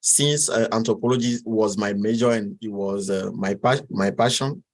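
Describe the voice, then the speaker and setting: With a lowish voice and a Togolese French accent, this guest, a man from Togo in his twenties, stumbles through interview answers, often restarting and filling pauses.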